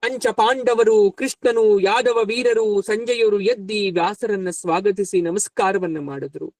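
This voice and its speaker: A man telling a devotional story in a measured, deliberate way. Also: high-pitched, fairly even intonation, dry recording. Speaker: spiritual storyteller.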